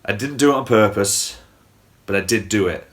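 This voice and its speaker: A man performing stand-up comedy in a dry, absurd, deadpan manner, with the odd swear word. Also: lowish voice, normal speed.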